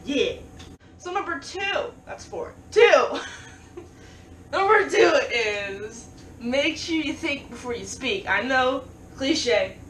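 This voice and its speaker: A woman vlogging casual advice, talking fast with stutters and restarts, often joking and laughing at her own lines. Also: high-pitched, expressive, fairly bright tone, distant mic. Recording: roomy, off-mic, faint background noise.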